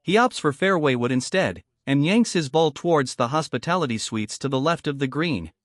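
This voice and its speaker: Wry male golf highlights narrator, dry close sound. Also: animated, normal speed, no room sound. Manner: wry, colloquial storytelling. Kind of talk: scripted sports highlights narration.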